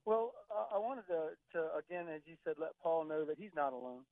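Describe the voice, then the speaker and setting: A man's voice: fairly high pitch, animated, dry recording. Earnest man calling in over the phone. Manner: earnest, halting, with restarts and fillers. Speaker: caller. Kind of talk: calling in to a radio show. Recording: tinny phone line.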